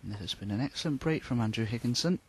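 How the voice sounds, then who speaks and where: A man giving hushed, measured and understated snooker commentary. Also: medium pitch, lively intonation, breathy edge.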